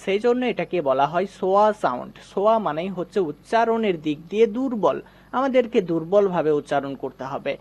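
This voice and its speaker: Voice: mid-range voice, animated, fairly quick, a little mellow, muffled recording. A teacher giving an online English reading lesson, addressing viewers directly, asking and answering his own questions and repeating vowel sounds for practice. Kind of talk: online lesson with slide explanation.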